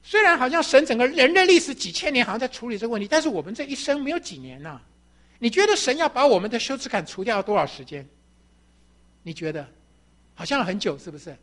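Woman preacher delivering an animated sermon, pitch swinging widely, questions to the congregation, acts out the story's voices. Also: fast talker.

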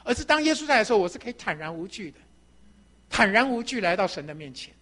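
A woman preaches a sermon with storytelling flair. Her voice swings widely up and down in pitch as she asks the congregation questions. She acts out the voices of the people in her story. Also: fast talker. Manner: animated storytelling with rhetorical questions.

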